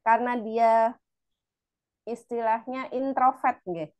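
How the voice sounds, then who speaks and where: Indonesian woman moderating a webinar, fairly high voice, polite and calm. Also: takes it slowly, lo-fi sound. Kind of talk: webinar talk.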